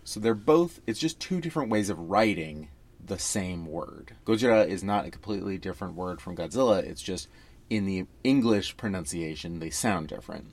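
A man's voice: deep voice, animated, normal speed, darkish tone. A man co-hosting a podcast in casual chat about a film, explaining things at length with wry asides. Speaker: podcast co-host.

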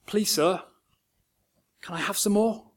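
A timid little orphan boy, as a male preacher puts him on in a story. He pleads in a tiny, hushed voice that stays soft and small. The voice sits high and is held down to almost nothing. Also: measured pace. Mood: pleading.

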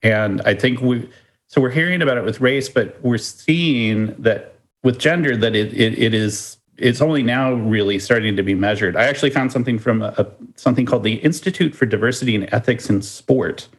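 A man co-hosting a casual baseball podcast, making dry wisecracks with halting restarts. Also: mid-range voice. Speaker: podcast co-host.

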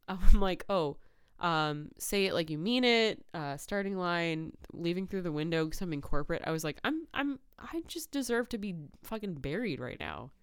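A woman's voice: fairly low pitch, expressive, moderate pace, smooth, dry recording, studio quality. A woman in her thirties co-hosting a casual chat, swearing freely, laughing often and telling stories with animation. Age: 30s. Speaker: podcast co-host. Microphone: no pop filter.

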